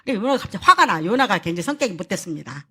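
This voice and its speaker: A woman pastor preaching a sermon, telling stories in an animated way and addressing the congregation directly. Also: medium pitch, very fast, breathy edge.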